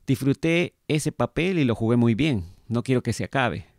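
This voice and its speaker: A vain, jovial painter spirit, as a man reads him aloud, breezy and teasing in his replies. His voice sits at an ordinary middle pitch but rides a little higher here, and the recording is close and dry with no room sound. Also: lively intonation, moderate pace, darkish tone, no echo, close to an everyday voice. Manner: teasing and breezy, with a playful lift. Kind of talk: read-aloud book dialogue.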